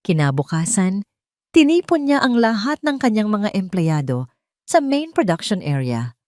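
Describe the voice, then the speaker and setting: A woman with a fairly low, slightly mellow voice narrates a scripted dramatic story. The recording is dry, with clean studio sound.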